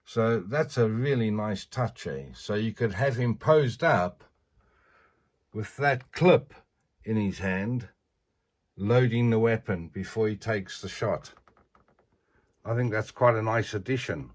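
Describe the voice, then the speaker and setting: A man's voice: on the low side, takes it slowly, long pauses. An older man with missing teeth and slightly slurred consonants, giving a casual, chatty, rambling show-and-tell as a collector. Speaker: figure collector presenting a review.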